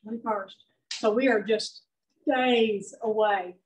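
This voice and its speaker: A middle-aged woman with a Texan accent co-presenting a beekeeping club talk, conversational and quick to chime in. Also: medium pitch, fairly even intonation. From southeast Texas. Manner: conversational, quick agreeing interjections. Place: large meeting hall with projector. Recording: distant room recording.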